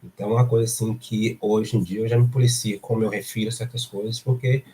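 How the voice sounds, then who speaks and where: Low-voiced Brazilian man repeating for emphasis. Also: fairly even intonation, fast, mellow. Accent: Brazilian Portuguese. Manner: emphatic, repeats words for stress. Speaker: live-stream host. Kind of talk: casual live-stream talk. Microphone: streaming setup.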